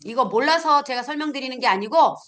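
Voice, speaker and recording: A middle-aged woman teaching a class of future smartphone instructors, animated, acting out learners and firing off questions. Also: high voice, fast. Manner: animated, acts out learners and scolding, punchy questions. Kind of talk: lively classroom lecture.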